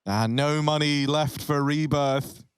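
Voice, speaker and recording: A man working as an esports caster, giving excited play-by-play commentary with an emphatic delivery. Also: on the high side, slow pace, clean tone, no echo, studio quality. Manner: rising, emphatic delivery at key moments.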